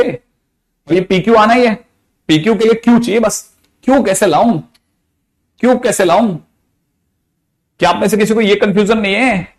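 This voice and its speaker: A man teaching a math class in a lively, teasing way, often repeating questions to get students to answer. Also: sits high.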